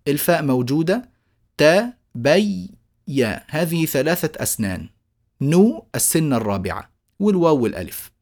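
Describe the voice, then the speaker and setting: A man teaching Quran recitation in a lecture. He slowly draws out the example words and poses questions to his students before answering them himself. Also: on the high side, very animated, a little mellow. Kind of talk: explanatory lecture.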